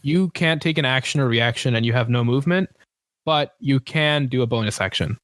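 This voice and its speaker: A man running a tabletop game as game master, explaining rules in a casual, halting way. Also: medium pitch, fairly bright tone, no echo.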